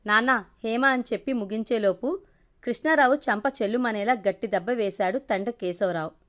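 A woman storyteller reading a story aloud in a steady, expressive narration. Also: medium pitch, brisk.

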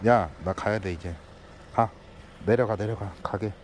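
A man's voice: fairly low pitch, measured pace, slight background noise. A male delivery driver in a casual vlog, cooing and teasing two small dogs outdoors in baby talk. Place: outdoors at a house yard.

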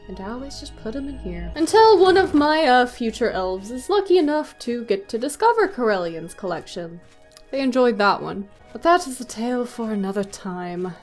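Woman, twenties, let's play host: high, lively voice, wry casual commentary. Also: moderate pace, faint music behind. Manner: wry, sarcastic.

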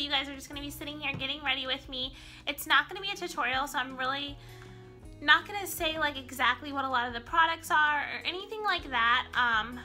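A young adult beauty vlogger chats casually while doing her makeup in a small bedroom, filmed by a camera in front with close framing. Her voice sits high and sounds pushed and bright, and she's sick with a cold, so she's a bit nasal. She rambles, with lots of ums and likes.

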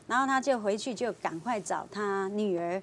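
A woman, a fortune-teller guest on a talk show, telling a story in a lively way and acting out the voices of the people in it. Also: mid-range voice, normal speed, slight background noise. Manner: lively storyteller, voicing clients and police.

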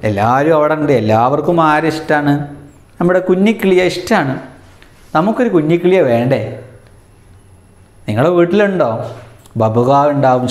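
A man's voice: medium pitch, echoey room. A man, telling a story as a lesson for young children and often asking them questions. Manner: animated, asks children questions, rising voice for emphasis. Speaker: Arabic teacher for young children.

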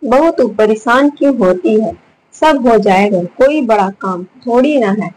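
A woman's voice: fairly high pitch, animated, measured pace, darkish tone, rough recording. Woman voicing a doting mother-in-law. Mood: coaxing. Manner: affectionate, insistent. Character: doting middle-aged Indian mother-in-law, coaxing.

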